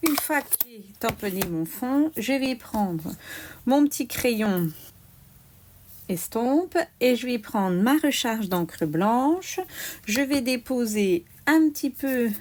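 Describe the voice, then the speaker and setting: Slow-talking woman demonstrating crafts. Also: on the high side, lively intonation, darkish tone. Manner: slow, explaining each step aloud, small "hop" asides. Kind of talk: step-by-step crafting tutorial.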